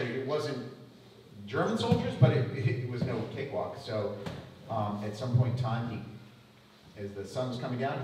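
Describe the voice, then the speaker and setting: A middle-aged man retelling family history at a public talk, halting and repeating words as he goes. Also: lowish voice, darkish tone, slight background noise. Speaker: lecture speaker. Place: museum lecture room. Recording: echoey hall from far off.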